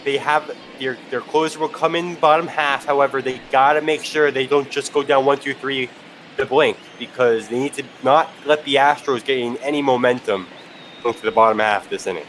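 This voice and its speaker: Man, color commentary, mid-range pitch, conversational sports analysis, clear background noise. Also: moderate pace, fairly bright tone.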